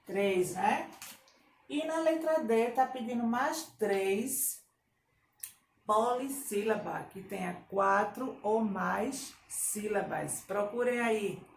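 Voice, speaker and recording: Woman teacher, slow and encouraging, echoey classroom sound with faint hiss. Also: medium pitch, lively intonation, creaky. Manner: slow, encouraging, repeats children's answers. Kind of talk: Portuguese grammar lesson for children.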